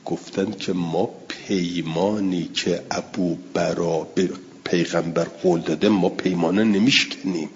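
A man teaching a class, reading out classical passages and then explaining them phrase by phrase, and answering listeners' questions with quick yeses and noes. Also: sits low, steady tone, dull audio. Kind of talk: classroom text-study lesson.

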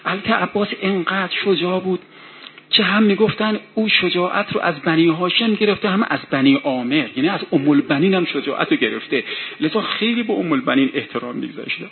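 A man's voice: high voice, gravelly. A man preaching a sermon, telling a story dramatically, his voice rising in heated passages. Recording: tinny phone-like sound with faint hiss.

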